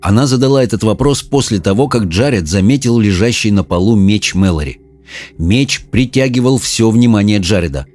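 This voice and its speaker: A man narrating an audiobook in an expressive, dramatic storytelling manner. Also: lowish voice, normal speed, soft background music.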